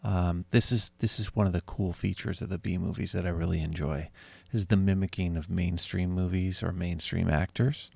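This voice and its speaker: A man hosting a podcast, talking casually about films in a relaxed way with many fillers. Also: low voice, normal speed, gravelly, hardly any pauses, breathy edge, no echo. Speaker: podcast host. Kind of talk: casual film discussion.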